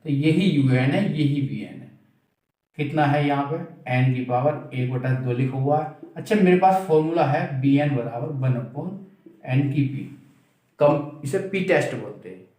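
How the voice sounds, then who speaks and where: A man's voice: medium pitch, animated, unhurried, mellow. A man teaching maths in a classroom lecture. He asks the class questions, answers them himself, and repeats the key steps. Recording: very echoey room, mic far off.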